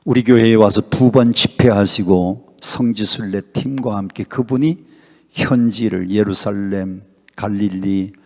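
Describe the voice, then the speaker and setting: A man's voice: fairly low pitch, measured pace, creaky, a little mellow. An older man preaching a revival sermon as guest pastor, putting emphatic questions to the congregation. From Honam, South Korea. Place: church sanctuary at a revival meeting. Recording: long reverb in a church hall.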